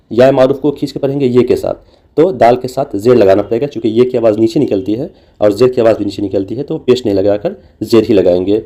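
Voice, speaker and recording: Man teaching a lesson, real dark mellow tone, patient, repeats stuff slow. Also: medium pitch. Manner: patient, repeats examples slowly, with fillers. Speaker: language teacher. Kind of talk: explanatory lesson.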